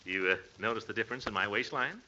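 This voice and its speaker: A vain, middle-aged American suitor in a vintage radio comedy. The voice is very bright and forceful, swinging widely in pitch with pompous bluster and sentimental hesitations. It comes through a muffled, slightly noisy old recording. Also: male voice, lively intonation, fast. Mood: bashful, earnest. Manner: blustery, hemming and hawing, theatrical. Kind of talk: 1940s-50s American radio comedy acting.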